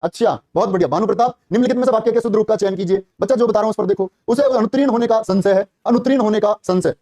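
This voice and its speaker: Fast, high-voiced Hindi exam coach. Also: male voice, mellow, dry recording, studio quality. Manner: rapid, repeats answers and prompts students constantly; encouraging praise, calls students brother and child. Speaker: Hindi teacher for police exam prep. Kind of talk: live online class, quizzing and reading comments.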